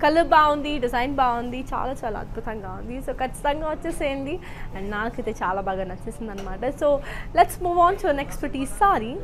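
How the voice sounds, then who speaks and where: A woman's voice: sits high, expressive, racing, slight background noise. A woman with a South Indian accent hosting a live shopping sales presentation, bubbly and effusive, switching between languages as she talks. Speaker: live saree sales host.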